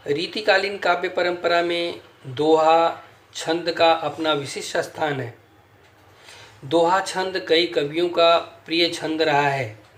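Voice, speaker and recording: A man gives a classroom lesson at a very slow, careful pace. His voice sits a little high for a man, and he breaks words into sounds and counts them out one by one. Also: echoey room. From India. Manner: slow, counts syllables aloud and spells sounds out. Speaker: teacher.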